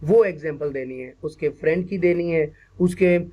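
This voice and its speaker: A man with a Pakistani accent teaches a class of teachers online. His voice sits fairly high. He repeats key words slowly and keeps checking in with his listeners. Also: dark tone. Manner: mixes English phrases into speech, asks "ठीक है ना" often. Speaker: teacher trainer. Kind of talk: online teacher-training lecture.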